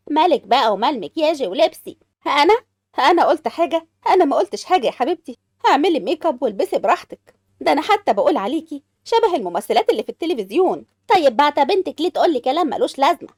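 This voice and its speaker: A woman with an Egyptian accent voicing sharp-tongued sisters-in-law who bicker in a home-made family drama. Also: sits high, dry recording, studio quality. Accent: Egyptian Arabic.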